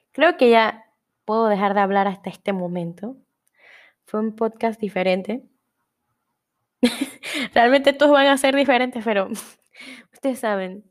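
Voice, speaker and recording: Young woman, panamanian accent, podcast host, chatty, rambling, restarts her words. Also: mid-range voice. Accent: Panamanian Spanish. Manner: rambling, chatty, self-interrupting. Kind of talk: casual solo podcast chat.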